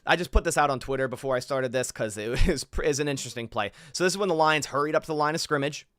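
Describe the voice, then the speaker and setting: A man commenting over football game film in an animated, exasperated way, thinking aloud as he goes. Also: mid-range voice, fast talker, dry recording, studio quality.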